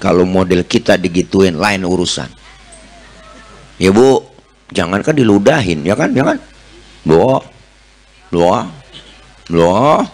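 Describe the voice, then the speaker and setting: A man's voice: sits low, takes it slowly, pauses often. A man preacher gives a comic sermon, teasing his audience and acting out stories. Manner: joking, animated storyteller, teasing the audience. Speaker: Islamic preacher. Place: mosque or gathering hall with live audience.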